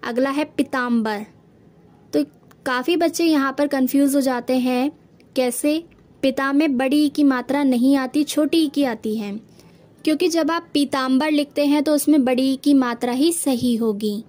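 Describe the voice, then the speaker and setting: A woman's voice: high-pitched, normal speed, a little mellow. A woman teacher explaining correct Hindi spellings to students step by step, patiently, calling them children.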